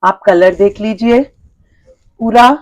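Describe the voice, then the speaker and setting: Slow, deliberate Indian woman selling dupattas. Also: medium pitch, steady tone, a little mellow, poor audio. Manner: explanatory, repeats points, self-corrects. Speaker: clothing seller presenting dupattas. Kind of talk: product showcase, switching between Hindi and English.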